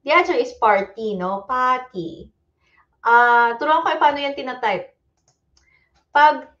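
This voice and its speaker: A woman's voice: fairly high pitch, fairly bright tone, lo-fi sound. A woman with a Filipino accent teaching a casual livestreamed exam review, mixing Tagalog and English and repeating fillers like "ayan" and "okay". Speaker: Japanese language teacher.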